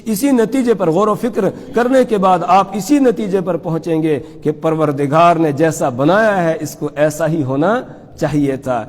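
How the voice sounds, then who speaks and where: Male scripture teacher, fairly high voice, recites verses slowly, reverberant room. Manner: explains step by step, asks questions then answers them, recites Arabic verses slowly. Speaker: Quran teacher giving tafseer. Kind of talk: religious lecture explaining verses.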